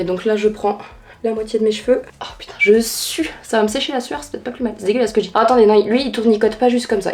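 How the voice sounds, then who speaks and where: Testing beauty tips in a hot room for her home vlog, a woman speaks in a medium-pitched, darkish voice over a little hiss or hum. Her casual talk is blunt, slangy and self-mocking.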